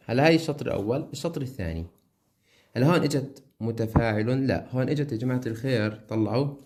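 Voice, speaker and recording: A man's voice: on the low side, darkish tone. A man with a Levantine Arabic accent teaching a lesson, chanting syllables one by one and constantly checking that his students follow. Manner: keeps checking understanding with quick questions.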